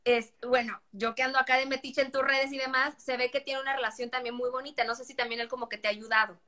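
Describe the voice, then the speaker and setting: A woman hosts a casual interview in a chatty tone. Her voice sits fairly high and sounds bright and crisp. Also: level tone, fast talker. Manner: chatty, with short reactions. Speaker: interviewer, show host.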